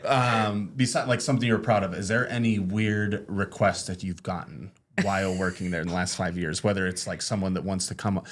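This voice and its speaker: A man co-hosting a podcast, relaxed, asking rambling questions and often saying "yeah". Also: sits low, brisk, hardly any pauses. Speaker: podcast co-host. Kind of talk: casual interview chat.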